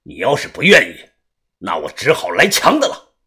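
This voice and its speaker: A man voicing a cold, menacing bald fighter who speaks low and clipped. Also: sing-song, normal speed, gravelly.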